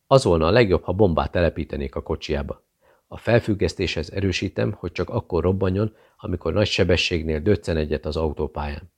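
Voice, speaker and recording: A man playing a matter-of-fact male hired killer in an audiobook. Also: low voice. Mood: businesslike. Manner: businesslike.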